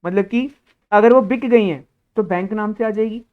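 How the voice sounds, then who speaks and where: At a normal speed and in a high, clear, resonant voice, a man conducts an accounting class in which he poses questions and answers them himself. He also scolds a student, and the lecture recording is tinny, like a phone.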